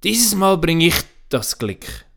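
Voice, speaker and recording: A gruff, lonely village forester, as a man puts him on. He sounds puzzled and short-spoken, a little higher than the storyteller's own voice. Storybook read-aloud. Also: sing-song, slow pace, fairly bright tone, heavily acted.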